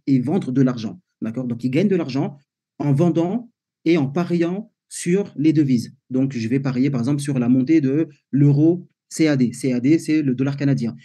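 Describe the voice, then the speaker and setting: A man's voice: medium pitch, warm tone, slightly rough. A man from Martinique giving a chatty business presentation over a video call, with many fillers and repeated words. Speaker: network marketing presenter.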